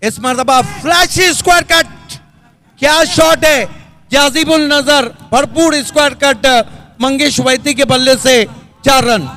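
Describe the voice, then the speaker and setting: A man giving excited live ball-by-ball cricket commentary, his voice rising on big shots. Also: extremely high pitch, measured pace, soft background music.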